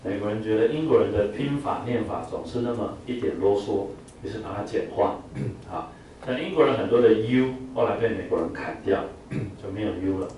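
A man's voice: lowish voice, fairly quick, dark tone. Male teacher in an echoey classroom. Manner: explains with frequent "啊" fillers, drills words for the class to repeat. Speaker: English vocabulary teacher. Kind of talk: classroom vocabulary lecture. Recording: echoey room from far off, faint noise.

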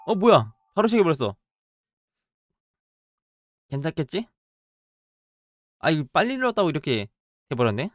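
A game streamer chatting casually, muttering to themselves and reacting playfully while drawing in a party game. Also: mid-range voice. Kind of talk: casual let's-play commentary while drawing.

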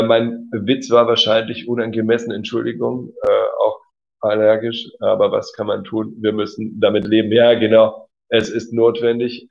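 In a casual livestream, a man teaches German, reading out viewer comments, correcting them and laughing often in a chatty way. His voice is lowish with vocal fry. The audio is slightly dull and lo-fi.

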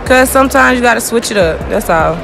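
A woman's voice: on the high side, expressive, fast, creaky, music in the background. A woman giving laid-back, frank answers to a street interviewer in a shopping mall.

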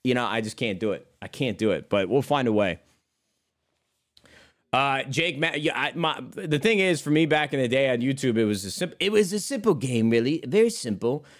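A man's voice: mid-range voice, expressive, normal speed. Rambling, cursing streamer guy. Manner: rambling, profane, calls listeners brother. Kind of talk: casual chat.

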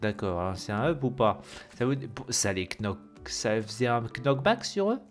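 A man with a lowish, sing-song voice hosts a gaming video at a moderate pace, faint music playing behind him. He chats casually about patch notes, full of fillers and self-corrections, and reads the English terms in a heavy French accent.

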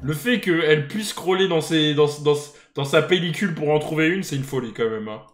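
A man's voice: a little high, brisk, roomy sound. A young man reacting to a video in casual, mocking street slang. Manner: slangy banlieue French street talk, mocking. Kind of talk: casual live reaction commentary. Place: indoor room at home, on webcam.

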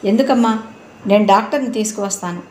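A woman's voice: mid-range voice, quick pace, a little mellow, natural voice. A woman reading a storybook voices a kind middle-aged man who speaks in a soothing, reassuring way. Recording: roomy room, faint noise.

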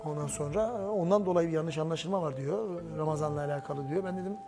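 A man's voice: on the high side, quick pace, over music. A man chatting casually, recounting and retelling what others said. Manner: animated, recounting conversations. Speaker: reality show contestant. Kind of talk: casual gossip chat.

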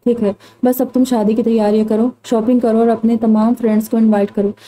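A calm, coaxing middle-aged father from an audio novel, read aloud by a woman. The voice stays warm and mellow, with an even, flat melody. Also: a little high, fairly quick, lightly acted, rough recording. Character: stern loving older father, middle-aged man.

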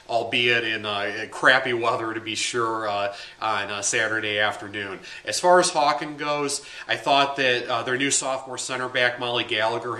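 Man, thirties, sports writer, postmatch analysis, conversational, piercing bright tone, roomy echo. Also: medium pitch. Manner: conversational, uses fillers, gestures with hands. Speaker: high school sports beat writer. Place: small plain room indoors.

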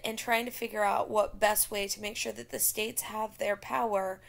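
Woman, teacher, history lecture over slides, gravelly voice, middle pitch, talks straight to students. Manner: explanatory, addresses students directly.

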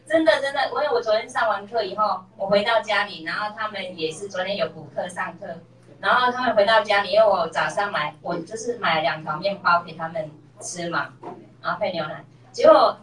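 A woman's voice: medium pitch, fairly quick. Middle-aged woman telling a story. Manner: animated storytelling, acting out quoted voices. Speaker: class member sharing a story. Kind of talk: personal testimony. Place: classroom. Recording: echoey room, voice from far off.

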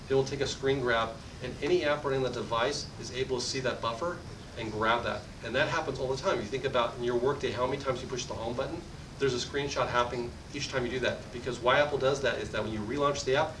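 Man pitching tech at a meetup. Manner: fast, enthusiastic sales pitch with frequent restarts. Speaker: tech company presenter. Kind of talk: conference product demo. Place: meetup conference room. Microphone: podium mic from far camera. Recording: distant roomy audio with rumble.

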